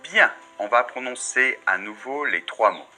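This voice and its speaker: Man, French teacher, beginner lesson, patient, slow, animated pitch, music faintly behind. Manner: slow, patient, models each sound and word for the learner.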